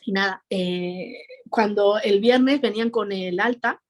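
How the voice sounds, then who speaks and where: A woman speaks as an interview guest, telling a personal story in a conversational way. Her manner is cheerful, and she laughs often as she talks. Her voice sits at an ordinary middle pitch. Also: slow pace.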